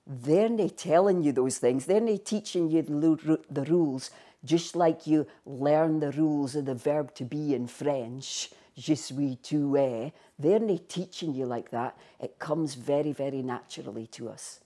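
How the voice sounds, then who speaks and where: A woman's voice: low-pitched, normal speed, mellow. A woman with a North East Scottish Doric accent, a researcher explaining emphatically in an interview. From Buckie, North East Scotland. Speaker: language researcher.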